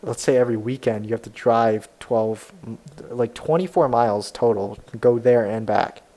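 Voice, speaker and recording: A man's voice: medium pitch, normal speed. Young man telling a story, acting out both sides. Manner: animated storyteller, acts out both sides of a dialogue; frequent laughter, repeats and restarts words. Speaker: podcast co-host. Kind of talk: casual chat.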